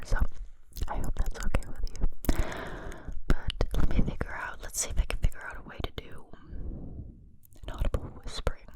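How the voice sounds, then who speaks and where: This is a barely audible ASMR whisper, entirely breathy and unvoiced. The creator speaks right up at the microphone in a cupped manner, addressing listeners directly. Small mouth sounds come through with the words. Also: poor audio. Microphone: close to the mic, cupped.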